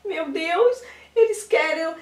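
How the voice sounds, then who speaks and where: With an extremely high-pitched, slow voice, a woman who hosts the channel acts out a frazzled young mother in a pretend-play skit, pleading and exasperated. The room is echoey and the mic distant.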